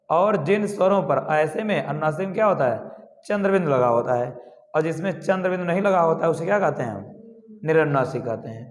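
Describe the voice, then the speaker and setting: A male teacher explains grammar slowly, asking rhetorical questions and answering them himself. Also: fairly high pitch. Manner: slow, deliberate explaining. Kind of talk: classroom grammar lesson. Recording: echoey classroom with long reverb.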